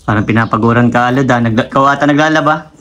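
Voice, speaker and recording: Polite gentle-voiced male vlogger. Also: mid-range voice, very fast. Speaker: vlogger doing charity visits. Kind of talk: casual vlog talk and interview. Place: outdoors at a rural home.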